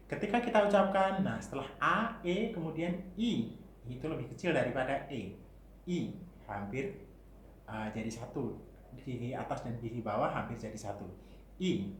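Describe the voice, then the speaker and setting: A man with an Indonesian accent, a vocal coach patiently explaining articulation and demonstrating vowels. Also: a little high. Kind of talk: singing lesson. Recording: roomy with faint hiss.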